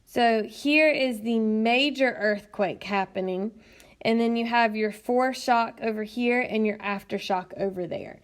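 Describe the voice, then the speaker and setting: A woman teacher narrating a recorded lesson in a patient, explanatory way, often pausing with "um". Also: fairly high pitch. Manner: patient, explanatory, frequent "um" fillers. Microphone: tablet screencast mic.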